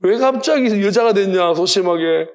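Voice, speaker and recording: A man acting out the voice of God sternly rebuking a man during a sermon, speaking slowly and demandingly. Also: sits high, animated, muffled recording. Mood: scolding.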